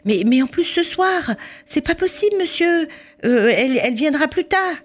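A woman's voice: high-pitched, animated, moderate pace, voice pushed up. A woman voicing a little girl who pleads hesitantly. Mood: pleading.

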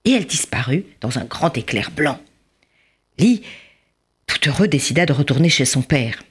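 Expressive, husky-voiced woman storyteller. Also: rumbling low, unhurried. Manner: expressive, sing-song telling. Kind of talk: storybook narration for children.

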